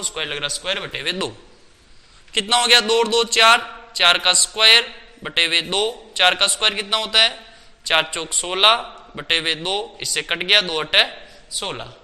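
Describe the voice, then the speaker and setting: A man's voice: high voice, sharp tone, in a large hall. A man teaching a maths lesson step by step, asking questions and answering them himself.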